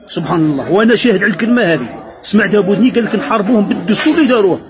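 Fast, mocking Algerian man ranting. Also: sits high. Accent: Algerian Arabic. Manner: mocking, sarcastic, addressing opponents directly. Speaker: political commentator. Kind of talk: impassioned political rant.

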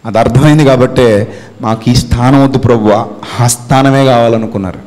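A man preaching an impassioned sermon with a Telugu accent, swinging from hushed tones to shouts and acting out quotes. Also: medium pitch, steady tone, fairly quick. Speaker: pastor. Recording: long hall reverb.

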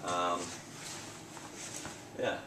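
At his indoor gallery show, a young Canadian painter gives casual interview answers about his work, relaxed and rambling, drawing out words and leaning on fillers and restarts. The handheld camera is close, the room echoes, and the background is noisy.

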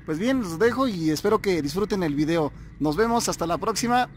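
A man's voice: high voice, animated, brisk. A man casually presenting a video, speaking to his viewers. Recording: faint background noise.

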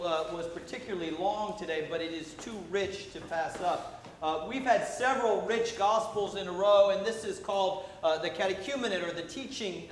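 A man, a priest, preaches a sermon into a pulpit microphone in a church, halting often with "uh" fillers. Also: high-pitched. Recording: echoey church sound with faint hum.

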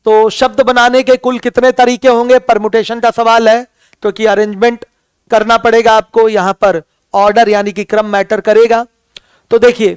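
A man's voice: very high voice, clear, resonant tone, no room sound. A man teaching a math lesson, addressing students as his children and asking questions he then answers himself. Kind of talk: classroom lecture.

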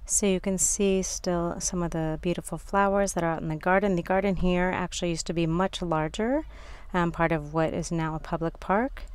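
A woman's voice: lowish voice, fairly even intonation, normal speed, clear, resonant tone. A woman narrating a casual walking tour as a local guide, recorded outdoors on a handheld device. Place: outdoors in city garden and streets.

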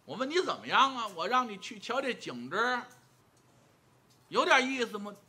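A man voicing a sly, teasing male scholar in yellow robes who talks in a mocking, knowing way. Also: very high voice, sing-song, normal speed, full character voice.

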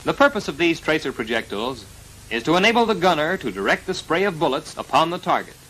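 This film voice-over comes from an American man narrating a 1940s military instructional film, formal, precise and measured over a vintage soundtrack. He sounds a little high, pushed and bright, with big pitch swings, and the poor recording has some hiss or hum.

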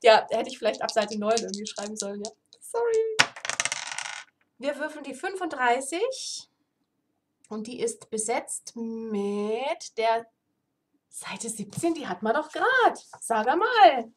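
A woman reading aloud from her own book in a chatty way, pausing to roll dice and chat. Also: on the high side, lively intonation, a little hiss or hum. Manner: chatty, self-interrupting.

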